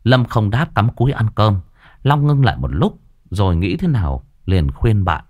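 Lively low-voiced male storyteller. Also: moderate pace. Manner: dramatic, animated storytelling. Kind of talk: ghost-story narration.

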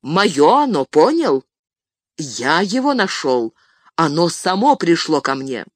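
A reader voicing an old male hobbit who stammers and grows shrill and possessive, in an audiobook reading. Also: sing-song, slow pace, no echo. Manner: stammering, turns shrill and grasping.

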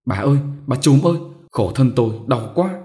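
A man's voice: mid-range voice, very animated, quick pace, a little mellow, pitched above the performer's own voice, natural voice. A man voicing a young peasant wife in painful labor who cries out and pleads. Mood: pleading. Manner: crying out, pleading.

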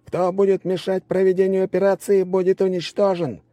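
A harsh police loudspeaker voice rings out with strained, barking commands, as a male narrator puts it on. It is pitched high above a normal speaking voice and sounds dark and muffled. The recording is dry and close. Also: level tone, a little fast, dry recording. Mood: commanding. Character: male police officer shouting orders over a loudspeaker. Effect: police loudspeaker announcement. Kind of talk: audiobook narration with character voices.

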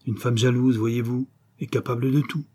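Crafty old widow rag-picker, sly and wheedling, dark husky tone, read by a man. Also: medium pitch, steady tone, moderate pace, close to an everyday voice. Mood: bitter.

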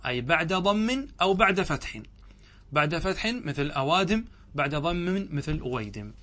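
The sheikh's voice is fairly high for a man and fairly bright as he teaches Arabic grammar, explaining a text in class. He moves slowly through each rule, answers his own questions to the listeners, and pronounces each example word syllable by syllable.

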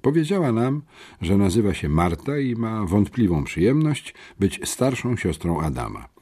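Male audiobook narrator: very low, dark, animated and expressive delivery. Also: husky. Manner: expressive storytelling with dramatic pauses.

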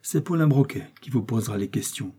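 A man's voice: medium pitch, expressive, fairly quick, mellow, breathy edge. A man voicing a stern middle-aged police chief who speaks curtly and with authority. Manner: curt, commanding.

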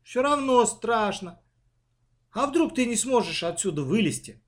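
A man voicing a frightened, gentle young girl who pleads anxiously in a storybook reading. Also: very high voice, sing-song, a little slow, voice pushed up, full character voice.

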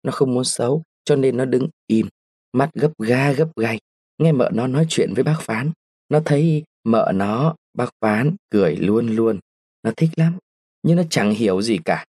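A male narrator reading a short story aloud in an expressive storytelling manner. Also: mid-range voice, measured pace, slightly rough, no echo, clean studio sound. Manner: expressive storytelling, shifting into character voices. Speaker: audiobook narrator.

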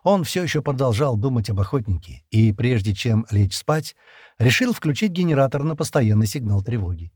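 Male audiobook narrator, lively intonation, slightly husky. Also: medium pitch, normal speed, dry recording, clean studio sound. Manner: expressive, lively reading. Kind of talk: scripted narration.

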